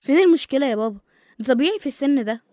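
A woman's voice: sits high, lively intonation, rapid-fire, warm tone, no room sound, studio quality. A woman with an Egyptian accent playing a sensible, outspoken young daughter in a radio serial, direct in manner. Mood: calm, reassuring. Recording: faint music behind the voice.

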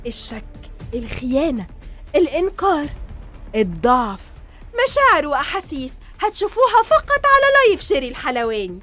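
A woman's voice: high voice, big pitch swings, a little fast, fairly bright tone, faint music behind. A woman speaking with an Egyptian Arabic accent who hosts a mock livestream and gives theatrical, teasing commentary. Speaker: livestream host.

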